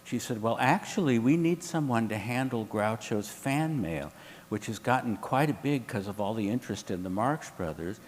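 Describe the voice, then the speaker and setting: This panelist's voice is medium in pitch and moves at a normal pace, with slight background noise in the big hall of a hotel event room. He's animated as he tells a story from his experience, performing the quoted people in vivid voices.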